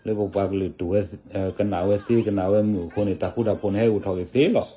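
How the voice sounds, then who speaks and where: A man talking casually in a relaxed, chatty commentary, often adding little tag words. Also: on the low side, very fast.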